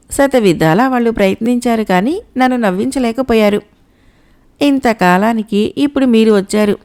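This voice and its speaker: Woman doing a weepy, pleading ghost for an audio storybook; higher voice, a bit of fry. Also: a little mellow, close to an everyday voice. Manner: tearful, pleading speech. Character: weeping lovesick male ghost under a banyan.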